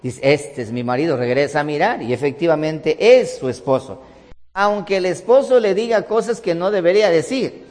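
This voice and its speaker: A man's voice: high-pitched, long reverb tail. A man preaching a sermon, emphatic, with rhetorical questions and repetition.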